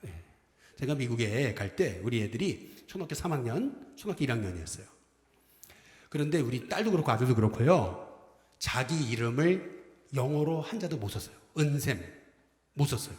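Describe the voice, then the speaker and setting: A middle-aged senior pastor preaches a Sunday sermon in a church sanctuary, his medium-pitched voice moving a little fast as he leads the congregation in call-and-response greetings. He's lively and acts out the phrases he quotes. The echoey hall gives the recording a long reverb.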